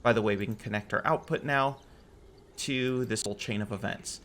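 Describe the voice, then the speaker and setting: A man hosting a casual game server tutorial, relaxed and correcting his own slips as he goes. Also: lowish voice, normal speed. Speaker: game modding tutorial host. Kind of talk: casual screen-recorded tutorial.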